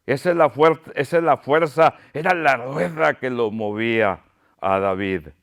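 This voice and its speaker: A man's voice: mid-range voice, a little slow, fairly bright tone. A male pastor preaching a sermon, fervent and pleading, repeating his phrases.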